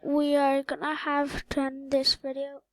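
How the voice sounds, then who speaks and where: A woman giving casual gameplay commentary as host of a gaming channel, halting and repeating words as she goes. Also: high-pitched, monotone, a bit bright, no echo, poor audio.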